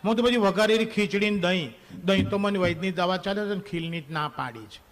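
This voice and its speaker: A man performing a stand-up comedy monologue on stage, telling animated stories and acting out quoted lines from a wife and a husband, with English phrases mixed in. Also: high voice, a little fast. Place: stage before a live audience.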